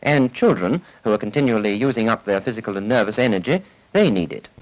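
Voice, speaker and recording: Speaking fast with lively intonation, a British man with a voice on the low side narrates a public information film. The narration is formal, scripted, and instructive, in the vein of a 1940s educational film. Its vintage soundtrack is roughly recorded.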